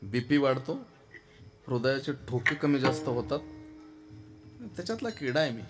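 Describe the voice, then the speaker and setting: A man preaching a devotional kirtan sermon from a festival stage into a microphone, moving between quiet asides and loud, fervent exclamations. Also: medium pitch, expressive, moderate pace, over music. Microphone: stage microphone through a sound system.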